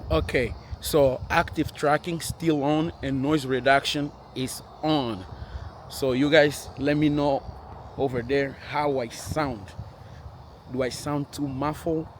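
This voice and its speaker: A man's voice: mid-range voice, steady tone, takes it slowly. A man vlogging outdoors, recorded on a camera's built-in microphone with noise reduction artifacts, chatting casually to viewers. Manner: chatty, addresses the viewers directly. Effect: noise reduction artifacts from the camera's processing. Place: outdoors, windy.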